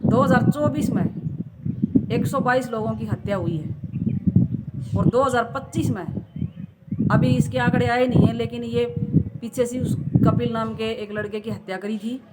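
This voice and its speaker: A woman's voice: a little high, moderate pace, pauses often. A woman vlogger, scolding her viewers in an impassioned rant full of rhetorical questions. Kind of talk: impassioned talking-to-camera rant. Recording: loud background noise.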